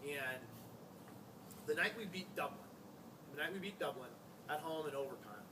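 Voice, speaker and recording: Male American basketball coach, informal tribute speech, conversational and emphatic, slightly high pitch, picked up by a distant mic. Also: moderate pace. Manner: conversational, anecdotal, emphatic repetition. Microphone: distant microphone. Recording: noisy, distant-miked live room recording.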